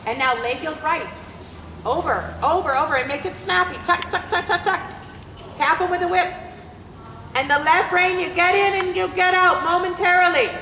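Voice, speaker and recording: Brisk, high-pitched woman calling projected riding commands. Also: pushed and bright. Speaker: riding instructor. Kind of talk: dressage coaching. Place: large indoor riding arena. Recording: roomy echoing indoor arena, noisy camcorder audio.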